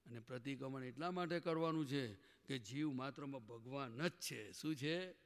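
A man's voice: medium pitch, moderate pace. A man giving a spiritual sermon to a gathering, often asking the audience questions and pressing them to answer. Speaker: spiritual teacher. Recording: long hall reverb.

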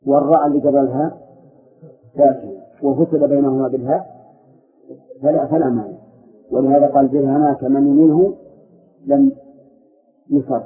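A man leads a grammar lesson, walking through verses and stopping to question and correct his students. His voice comes through a narrow, tinny recording. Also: medium pitch. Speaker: sheikh teaching grammar. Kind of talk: classroom lesson explaining verse. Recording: tinny phone-like audio.

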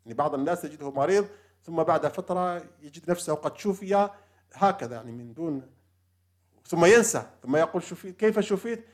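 A man delivers a spiritual lecture on humility before God at a quick clip. His voice sits a little high for a man, and he speaks earnestly and unscripted, often restarting his phrases and filling pauses. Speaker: religious lecturer.

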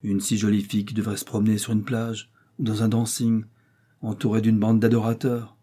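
A man's voice: fairly low pitch, completely flat delivery, brisk, dark tone, slightly rough. A man reading aloud and voicing a scornful young woman classmate who makes disapproving remarks.

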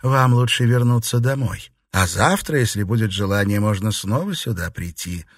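A man voicing a calm, considerate older lady who gently advises, in a storybook reading. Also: on the low side, moderate pace, no echo, clean studio sound.

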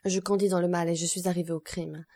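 Audiobook: a woman playing a bitter, defiant young convict, mellow voice. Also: lowish voice, level tone, fast. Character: young male defiant criminal in court.

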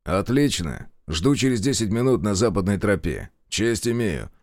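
A man voicing a sharp, ruthless male partisan commander who speaks in clipped, commanding phrases. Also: on the low side, sing-song, moderate pace, no room sound. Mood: brisk.

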